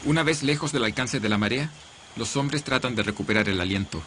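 A man reading a documentary's dubbed narration in a measured, serious way. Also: medium pitch, background noise. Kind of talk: scripted narration, dubbed voice-over. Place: studio voice-over.

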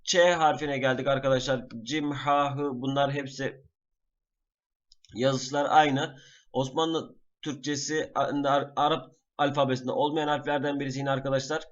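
Seated at a computer, a man teaches a class in a screen-recorded lesson, patiently naming each item slowly and saying it again. His mid-range voice barely moves in pitch, and the highs are cut off.

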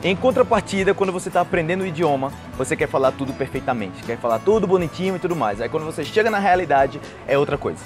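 Over music, a young adult with a Brazilian accent explains a conversational language lesson to camera and acts out example phrases. He stands on an outdoor patio beside trees and a street, his lapel mic picking up a slightly high, expressive voice at a quick pace.

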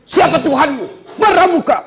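A stern angel who questions the dead in the grave, put on by a man. The voice jumps high above a normal speaking register and presses each question hard and loud. It is acted as part of a humorous sermon story. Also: lively intonation, moderate pace, noisy background. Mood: demanding. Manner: high, insistent interrogating voice.

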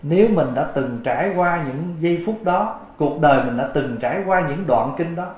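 A Buddhist monk giving a gentle dharma talk, now and then chanting verse passages from scripture. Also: male voice, on the high side, animated, moderate pace. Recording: echoey room.

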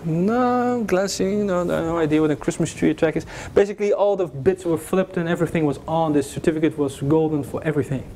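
A young man whose voice sits on the high side, warm and fairly quick with hardly any pauses, lectures his class informally on security with slides. He jokes a lot and leans on fillers and restarts. The far classroom camera, facing a projector screen, picks up slight background noise.

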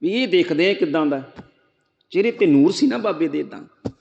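A man giving a sermon, explaining scripture line by line, asking rhetorical questions, reciting verse slowly and speaking straight to his listeners. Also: on the high side, animated, creaky, a little mellow. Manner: addresses listeners directly. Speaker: preacher. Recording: echoey hall, dull lo-fi sound.

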